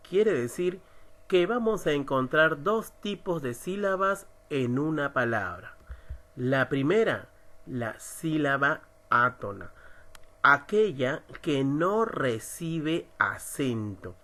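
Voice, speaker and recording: A man teaching an online writing class, slowly stressing syllables as he explains. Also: fairly high pitch, fairly bright tone. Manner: slow, emphatic, stresses syllables. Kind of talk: recorded online lesson.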